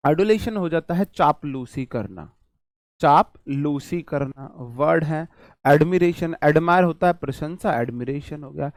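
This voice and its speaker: A man's voice: on the high side, a little slow, no room sound. Chatty male vocabulary teacher. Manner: chatty, jokey, answers imagined student questions. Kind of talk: online exam-prep lesson.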